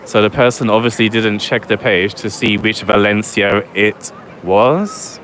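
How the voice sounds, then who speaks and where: Strolling outdoors after dark, a man with a lowish voice speaks a little slowly, chatting wryly with the people in his livestream chat. His handheld phone or camera mic picks up loud traffic and street noise behind him.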